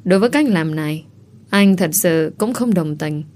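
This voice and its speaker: Young man, calm but cold, read by a woman, low voice. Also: normal speed, natural voice. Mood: soothing. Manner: soothing, reproving. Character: young man, soothing then irritated.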